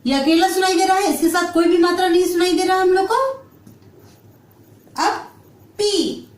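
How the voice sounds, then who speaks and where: A woman teacher explaining a children's lesson slowly, drawing out each syllable. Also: very high-pitched, fairly even intonation, echoey room, far from the mic. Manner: slow, drawn-out syllable-by-syllable explanation.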